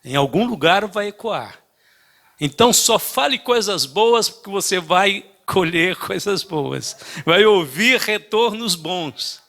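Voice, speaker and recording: A man's voice: sits high, animated, slow, heavily acted. An older man voicing a patient, wise father. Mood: gentle. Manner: gentle, instructive.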